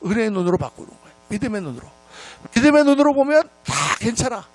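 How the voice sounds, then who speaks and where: A middle-aged man preaching a revival sermon in a church, telling stories in an animated, scolding and then humorous way. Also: very high-pitched, fast talker, dry recording. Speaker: pastor. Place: church sanctuary.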